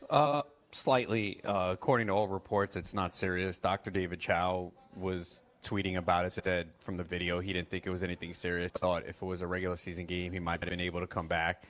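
A man co-hosting a casual fantasy football chat, giving measured, analytical takes. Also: sits low, little pitch movement, fairly bright tone.

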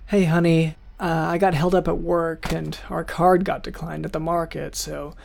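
A man playing a weary gravelly working husband. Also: level tone, normal speed, slight background noise. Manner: weary, low-key. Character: tired working man, proud husband and son.

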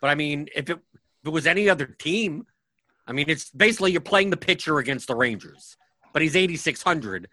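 A man's voice: on the high side, expressive, a little fast, pushed and bright, no room sound. A man co-hosting a sports podcast, giving casual, conversational analysis. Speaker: fantasy sports podcast co-host.

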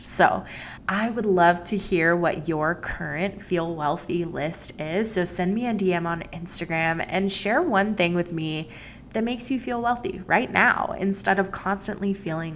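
A woman's voice: on the low side, slight background noise. A young adult woman hosting her solo podcast, chatty and enthusiastic with playful emphasis. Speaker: podcast host.

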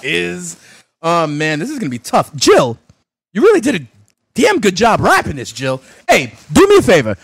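Young guy hosting fantasy sports radio, high voice, swoops all over, dry mic. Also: gravelly, no room sound. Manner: animated, exclaiming, talks with mouth full. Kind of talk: casual chat, opening gifts on air.

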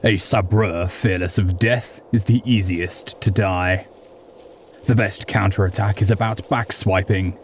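A man's voice: lowish voice, steady tone, measured pace, a little hiss or hum, close to an everyday voice. A man voicing a curt, stern old male blade master in a storybook reading.

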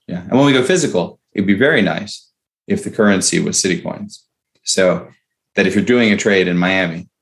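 Low, gravelly man explaining plans. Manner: explanatory, checks in with "right?" and "okay?". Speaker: startup founder. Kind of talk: conversational interview pitch.

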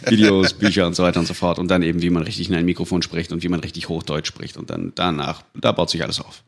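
A man's voice: low voice, little pitch movement, fast. A man, a voice actor guest on a casual podcast, giving advice with frequent hesitations.

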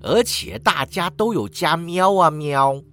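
A man's voice: a little high, a little slow, fairly bright tone, clean tone. A man reading a story, voicing a smug, lazy male talking orange cat that ends its lines with a meow.

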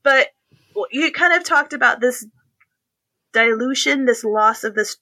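A woman from the United States hosting a casual conversation, animated and laughing often, with questions that rise up in pitch. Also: a little slow, no room sound. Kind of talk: casual chat.

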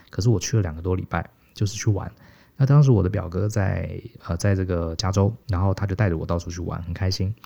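A middle-aged man from Taiwan telling stories casually as a podcast co-host, animated and chuckling. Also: deep voice, gravelly. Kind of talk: casual storytelling. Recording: dull, muffled podcast audio.

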